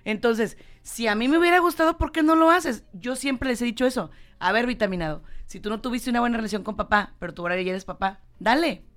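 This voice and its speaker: A woman's voice: a little high, quick pace, hardly any pauses, a bit bright. A woman with a Mexican accent hosting a motivational talk show, emphatic and repeating her points straight to the audience. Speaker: host.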